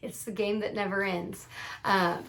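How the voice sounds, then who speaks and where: A woman's voice: mid-range voice, steady tone, unhurried, fairly bright tone. A woman teacher explaining how a classroom icebreaker works, upbeat, walking through examples and acting out steps. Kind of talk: instructional explainer video.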